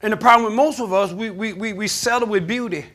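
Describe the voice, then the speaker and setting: High, bright-voiced preaching man. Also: quick pace. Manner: call-and-response preaching that builds to shouting. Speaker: pastor. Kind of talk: sermon. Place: church sanctuary.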